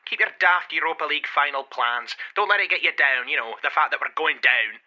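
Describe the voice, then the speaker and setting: A blunt, foul-mouthed football man, played by a man,, teasing and crude in a comedy audio drama. His voice is bright and forceful, set a little high. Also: fairly quick, highs cut off.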